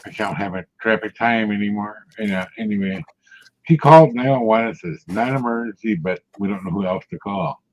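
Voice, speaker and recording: Speaking fairly quickly in a voice on the low side, a man in his sixties rambles through stories in casual chat and chuckles a lot. The recording is lo-fi and muffled.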